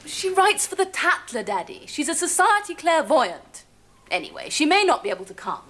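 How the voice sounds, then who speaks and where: An actress playing a sardonic, rebellious upper-class daughter in a sitcom, with studio audience laughter. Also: female voice, high-pitched, very animated, normal speed, fairly bright tone. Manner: sardonic, dry wit. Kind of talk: 1990s studio sitcom acting.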